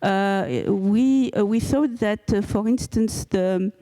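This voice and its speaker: A woman with a French accent moderates a conference panel, English being a second language to her native French. Her voice is mellow and warm, and she hesitates often, filling gaps with "uh". She keeps a measured, middle pitch. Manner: hesitant, many fillers, self-deprecating humour.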